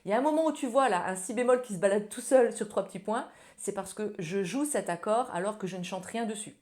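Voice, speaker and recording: Speaking fairly quickly in a medium, gently mellow voice, a ukulele teacher walks the viewer through a casual music tutorial. Her manner is friendly and informal, using tú, with ukulele playing behind her.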